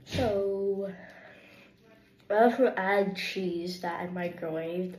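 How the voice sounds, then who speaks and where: A woman's voice: medium pitch, fairly even intonation, takes it slowly, a little mellow. Woman talking with a mouthful of food. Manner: rambling and offhand, with filler words. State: mouth full of sandwich. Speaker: food reviewer vlogger. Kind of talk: casual food review vlog. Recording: echoey room with faint noise.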